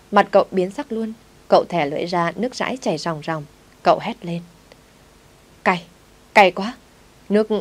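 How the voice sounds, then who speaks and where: A woman reading a family drama story aloud, speaking every character in the same steady narrating voice. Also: fairly low pitch.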